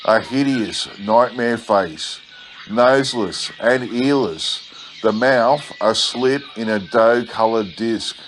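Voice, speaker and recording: A man reading a bush adventure story aloud in a laconic, unhurried drawl. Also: medium pitch, low-quality recording. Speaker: audiobook reader. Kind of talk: scripted narration of an old bush adventure story. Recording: clear steady background noise.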